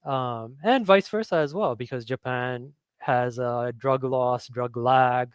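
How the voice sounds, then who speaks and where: Male co-host, smooth and clear timbre, dry close sound, earnest, lots of fillers. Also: mid-range voice, takes it slowly, no echo. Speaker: podcast co-host. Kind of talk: casual livestream chat.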